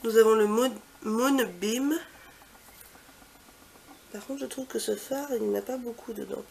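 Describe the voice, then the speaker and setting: Gravelly-voiced woman gushing over makeup. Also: on the high side, a little slow, a little hiss or hum. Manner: chatty, trails off into soft quiet asides; gushing, repeats superlatives. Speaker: beauty vlogger. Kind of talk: casual product swatch walkthrough.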